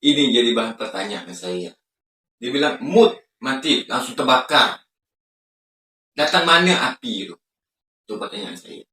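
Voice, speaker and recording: A man's voice: mid-range voice, sing-song, moderate pace, pauses often, bright, forceful tone, echoey room, distant mic. A man giving casual reaction commentary on a clip, skeptical and mocking, asking pointed questions.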